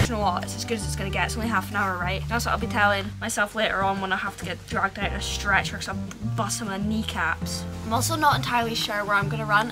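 A woman's voice: medium pitch, roomy sound. A young woman in her twenties chatting casually on a vlog, joking at her own expense. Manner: chatty, self-deprecating, joking. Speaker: fitness vlogger. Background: background music.

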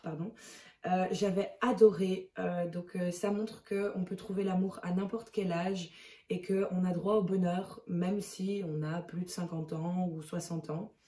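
A woman's voice: on the low side, dark tone. A woman chatting hesitantly as a book vlogger, reviewing her month's reading and checking her notes as she goes. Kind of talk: casual book review chat. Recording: roomy echo, mic at a distance.

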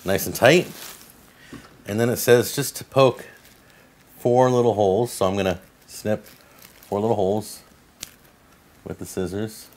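Deep-voiced man demonstrating a recipe. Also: fairly even intonation, unhurried, long pauses, a little mellow. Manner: upbeat, instructional. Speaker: home cooking video host. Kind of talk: casual cooking demonstration. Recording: older video with faint background noise.

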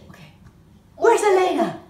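A woman's voice: extremely high pitch, big pitch swings, normal speed, a little mellow. An older woman, a grandmother, talking in playful, sing-song, exclamatory baby talk in a living room at home. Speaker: grandmother playing with toddler. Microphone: phone a few feet away. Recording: echoey room, noisy phone video.

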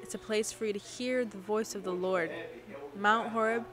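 A woman's voice: mid-range voice, fairly even intonation, moderate pace, a bit bright, soft background music. A woman giving an interpreted sermon in a preaching cadence, often putting questions to the congregation.

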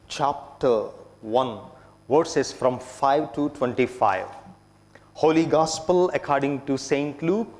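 A man serving as priest, reading the gospel in a slow, measured, solemn way, his voice ringing with a cathedral echo. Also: mid-range voice, darkish tone. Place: large church. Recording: long church reverb from a distance.

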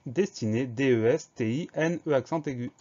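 A man's voice: mid-range voice, normal speed, darkish tone, dull audio. A man teaching a spelling lesson, patiently explaining each word and spelling it out letter by letter.

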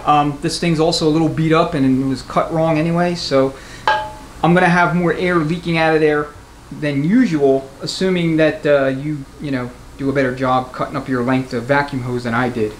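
A transmission mechanic and instructor gives a hands-on tutorial in an indoor garage workshop, talking in a matter-of-fact, conversational way. His fairly high voice holds a fairly even intonation at normal speed, and the echoey garage carries clear background noise.

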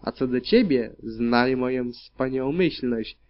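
A man's voice: medium pitch, unhurried, natural voice. A man voicing a gloating griffin queen. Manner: loud, gloating, commanding. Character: cruel haughty female griffin arena champion. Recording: dull lo-fi recording.

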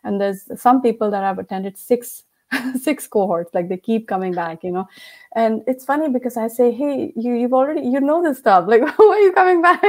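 A woman with an Indian accent, her voice a little high and animated at a normal pace, appears as a guest on a remote podcast, speaking into a headset mic from a room at home over a video call. She's a company founder in a casual interview chat, chatty and quick to laugh, peppering her sentences with "like" and "you know."

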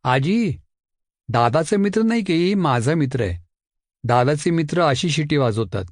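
A man voicing an eager, mischievous schoolboy who talks in a bright, pleading, chatty way. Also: on the high side, lively intonation, measured pace, dry recording, clean studio sound. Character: mischievous helpful schoolboy, eager and quick-witted.

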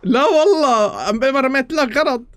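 A man's voice: very high voice, fairly quick, a bit bright, no echo. A man hosting casual gameplay chat over voice chat, pleading, swearing oaths and laughing a lot. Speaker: gaming channel host.

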